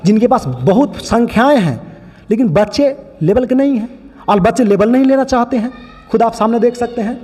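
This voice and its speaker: A man's voice: very high-pitched, animated, fairly quick, warm tone, slightly rough, big-room sound. A man teaching biology, pointing out other teachers' mistakes in a critical, explaining way. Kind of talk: online lesson commentary.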